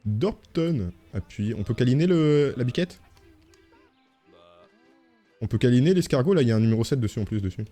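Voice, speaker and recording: A man's voice: mid-range voice, animated, normal speed, pauses often, dark tone, soft background music. A male streamer chatting casually as he plays a game, reading text aloud and joking. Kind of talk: gaming livestream commentary.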